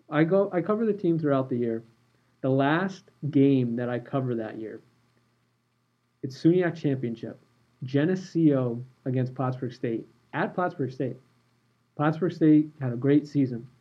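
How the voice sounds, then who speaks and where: Man, podcast host, husky voice, relaxed storytelling, slightly dull recording. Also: mid-range voice. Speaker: podcast host and former sports reporter.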